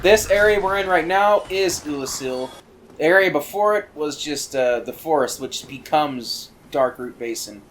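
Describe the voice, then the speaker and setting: A man giving casual, rambling commentary on a video game he is playing, full of fillers and excited asides. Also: on the high side, normal speed, slight background noise. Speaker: let's play commentator.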